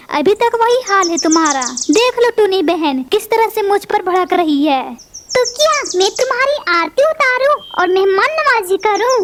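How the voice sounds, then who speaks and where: A woman voicing a quarrelsome, hot-tempered female parrot in a cartoon, shrill and snapping. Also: slight background noise. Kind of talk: cartoon voice acting.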